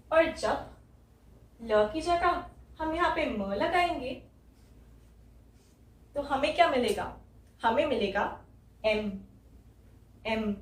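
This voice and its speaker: A woman from India teaching English letter sounds, patiently repeating each sound step by step. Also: a little high. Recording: echoey room, voice from a distance.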